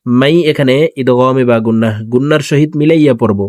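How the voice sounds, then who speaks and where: A man teaching Quran recitation in a tajweed lesson, chanting each phrase slowly and repeating it, then explaining pronunciation rules. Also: mid-range voice, a little mellow, no room sound, clean studio sound.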